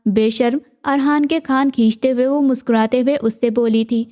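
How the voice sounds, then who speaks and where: Synthetic woman narrator, mellow and fairly high, steady romance storytelling. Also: moderate pace.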